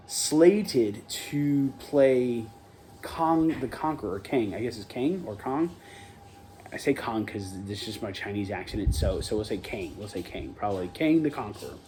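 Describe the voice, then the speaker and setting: A man with a warm, mid-range voice recaps an episode on his own review show, his delivery casual, loose, and rambling, often correcting himself mid-sentence. There's a little hiss or hum in the audio.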